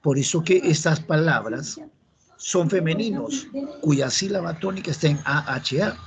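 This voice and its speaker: A man with a Peruvian Spanish accent gives a grammar lesson for an entrance exam, speaking a little slowly in a fairly high voice while a crowd murmurs behind him. He explains patiently, goes over the key rules again and again, and puts questions to the class.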